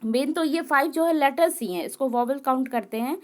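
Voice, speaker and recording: A woman with a high-pitched voice teaches English grammar, reading each rule slowly and then explaining it again and again. She repeats words and keeps checking in with her listeners by saying "okay."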